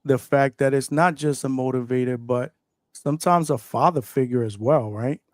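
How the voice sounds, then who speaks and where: A man's voice: mid-range voice, moderate pace, no echo, clean studio sound. A man hosting a live call-in show, asking questions in easygoing street talk and often saying "right" and "man.". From Brooklyn, New York. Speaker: host.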